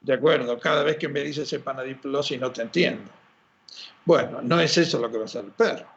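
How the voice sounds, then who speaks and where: A man's voice: mid-range voice, fairly quick. Man explaining with rhetorical questions. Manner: lively teacherly, asks and answers his own rhetorical questions. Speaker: interview guest. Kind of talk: explanatory interview talk. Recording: muffled lo-fi audio.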